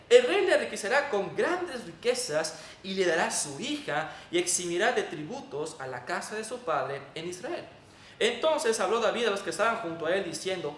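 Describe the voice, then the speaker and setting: High-pitched and a bit bright, a Mexican-accented man preaches with emphasis, instructing his listeners. The sermon includes Bible reading and prayer; the audio comes through a distant mic in an echoey room carrying faint noise.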